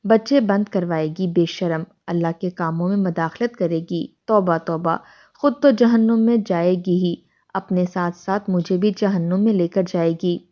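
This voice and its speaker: A woman voicing a short-tempered, domineering middle-aged husband who scolds his wife roughly, in a dull lo-fi recording. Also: fairly low pitch, steady tone, close to an everyday voice. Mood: angry.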